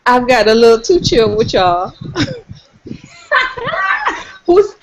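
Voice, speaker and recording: Lively, laughing woman on a noisy call. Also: fairly high pitch, slow. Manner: laughs often, jokey and chatty. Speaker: co-host of an online chat. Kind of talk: casual video chat. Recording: noisy online call audio.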